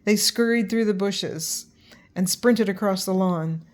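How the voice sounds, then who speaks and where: A woman's voice: mid-range voice, measured pace. An older woman, a grandmother, reading a children's story aloud as narrator.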